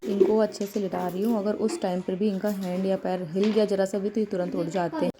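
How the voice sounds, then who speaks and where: Chatty young mother vlogging at home. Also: on the low side. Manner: chatty, soft-spoken at times to avoid waking the baby. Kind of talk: casual vlog narration.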